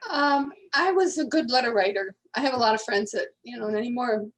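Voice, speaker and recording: A woman's voice: a little high, a little fast. A woman, a guest telling rambling stories in casual conversation. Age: 80s. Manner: chatty, rambling storyteller.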